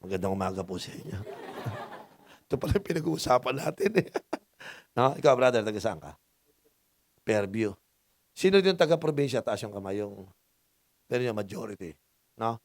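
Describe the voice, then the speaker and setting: With a lowish voice, this middle-aged Filipino pastor is very animated, speaking at a moderate pace and pausing often. In his church hall sermon he blends in English, asks the congregation to respond, and jokes with them, all in a Filipino accent. The studio-quality recording has no room sound.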